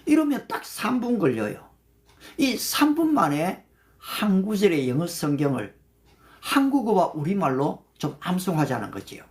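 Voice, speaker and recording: Leading a prayer meeting streamed live, an older man speaks in a high-pitched, animated voice that rises and falls. He thanks viewers by name as he goes and slows right down whenever he recites English Bible verses during the devotional talk.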